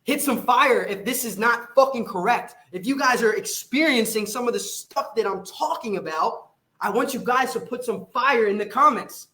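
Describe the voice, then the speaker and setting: A man's voice: extremely high pitch, normal speed, sharp tone, echoey room. A man who coaches fitness and hosts a podcast, delivering an intense, profane, fired-up motivational monologue.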